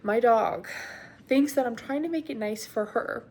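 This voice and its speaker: A young mother vlogs casually to the camera in her kitchen at home, rambling and giggling while doing chores. Her voice is a little high and darkish in tone, with a measured pace.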